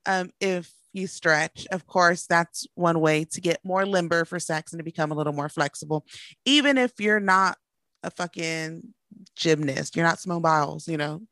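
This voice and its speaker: A woman's voice: lowish voice, normal speed, fairly bright tone, dry recording, studio quality. A woman co-hosting a podcast in casual chat, blunt and profane, laughing often. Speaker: podcast co-host.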